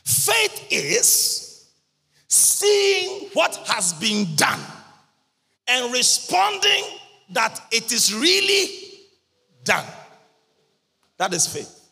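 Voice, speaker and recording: A man preaching a sermon at a convention, in chanted, half-sung lines that burst into shouts. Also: very high voice, huge pitch swings, very slow, vocal fry, long pauses, husky. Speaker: prophet preaching. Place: large church or convention hall. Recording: reverberant hall with music behind.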